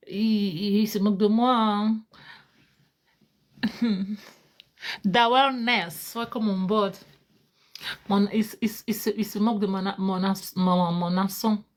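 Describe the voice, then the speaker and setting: Woman livestream host, unhurried, mid-pitched, chatty, drifts between English and French, laughs easily, phone mic at home. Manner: switches between English and French, repeats words, laughs often. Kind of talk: casual livestream chat. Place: home, at night.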